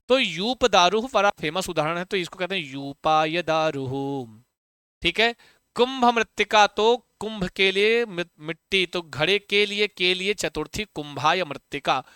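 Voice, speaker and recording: A man's voice: sits high, animated, unhurried, bright, forceful tone, clean tone, no room sound, studio quality. A young adult man teaching a Sanskrit exam revision class, drilling terms through repetition and rhetorical questions.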